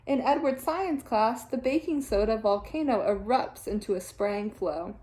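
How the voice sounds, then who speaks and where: In an echoey room, a high-voiced woman teacher gives an expressive read-aloud of a children's storybook. Her delivery is lively and deliberate, punctuated by dramatic sound-effect words.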